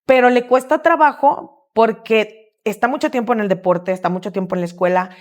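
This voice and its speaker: Animated woman telling stories. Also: a little high, brisk. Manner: lively, quotes herself and her son. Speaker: guest, gymnastics coach and sports mom. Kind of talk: casual interview storytelling.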